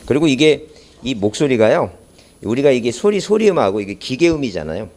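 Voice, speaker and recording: A man's voice: medium pitch, sing-song, a little fast, a little mellow. Masked man lecturing with rhetorical questions. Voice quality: muffled by a face mask. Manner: rambling asides, then quizzing with rhetorical questions. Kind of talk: recorded exam-prep lecture. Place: academy classroom. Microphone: speaker mic worn behind a face mask.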